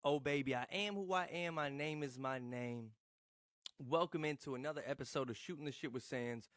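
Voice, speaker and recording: A man's voice: mid-range voice, moderate pace, fairly bright tone, no room sound, studio quality. A man, hosting a casual, rambling solo podcast in a profane, slangy, boastful yet self-deprecating way. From Texarkana, United States. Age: 20s. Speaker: podcast host.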